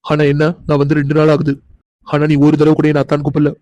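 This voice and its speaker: A man's voice: fairly high pitch, completely flat delivery, quick pace, warm tone, no room sound, muffled recording, close to an everyday voice. A man voicing an insistent, doting young man in a cartoon, coaxing and pressing for answers. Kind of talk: cartoon voice acting.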